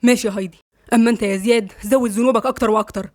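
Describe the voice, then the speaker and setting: A woman's voice: on the high side, racing, darkish tone, no echo, studio quality, natural voice. A woman with an Egyptian accent voicing a proud, angry young man, in a tense, clipped way.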